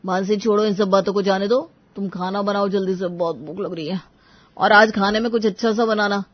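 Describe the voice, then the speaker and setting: A performer voicing a young husband in an animated story who lectures his wife and sides with his mother. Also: medium pitch, a little fast, lo-fi sound, natural voice. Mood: lecturing. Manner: lecturing, dismissive.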